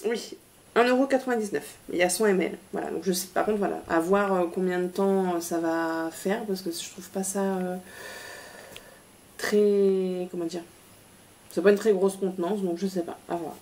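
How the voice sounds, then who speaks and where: A woman's voice: fairly low pitch, steady tone, normal speed, a little mellow. A woman presenting a shopping haul in a casual, hesitant way, with many fillers and restarts.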